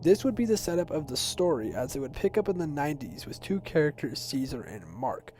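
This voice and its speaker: A young man, somewhere from his teens to early adulthood, narrates an explainer video essay in a casual, personal style over background music. His voice sits a little high and comes across as very animated and brisk, and the narration feels semi-scripted.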